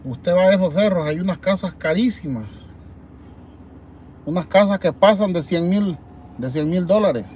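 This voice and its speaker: With long pauses at a moderate pace, a high-pitched, darkish-toned Salvadoran man hosts a live chat from a parked car at night, rambling animatedly and reading out comments from viewers. His accent is Salvadoran Spanish, and slight background noise is audible.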